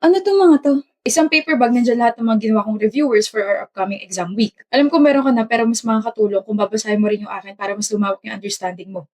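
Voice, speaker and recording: A woman's voice: fairly high pitch, rapid-fire, darkish tone, natural voice. A woman voicing a caring, playful young man who dotes on his girlfriend, in a skit. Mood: cheerful. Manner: playful and affectionate, jokes corny. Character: caring, teasing young man, a doting boyfriend. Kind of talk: skit role-play acting.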